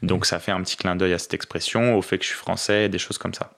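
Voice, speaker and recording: Deep, gravelly Frenchman chatting. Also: fast. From France. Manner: relaxed, many fillers and restarts. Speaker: interview guest, business owner in Australia. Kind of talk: casual podcast interview.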